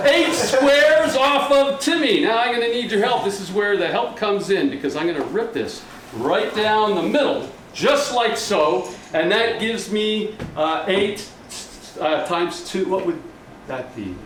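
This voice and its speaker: A man performs as a kids party magician, with a high voice that swoops up and down. His patter is jokey and showy, pitched at a live audience. He sounds distant in an echoey room. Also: expressive, a little slow, a bit bright. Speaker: stage magician. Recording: echoey, noisy room, far from mic.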